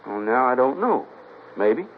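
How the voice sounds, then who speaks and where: Playing a jittery, evasive young suspect from New Orleans in a 1950s radio drama, a young adult man uses a hesitant Southern drawl. His medium-pitched voice swings widely and he's unhurried, and the old lo-fi radio recording sounds husky.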